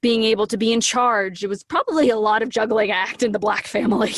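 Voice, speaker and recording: A woman voice actor, appearing as a podcast guest, chats casually and enthusiastically about her work in an animated interview. She talks fast in a fairly high voice, bubbly and breaking into acted quotes. Slight background noise is audible.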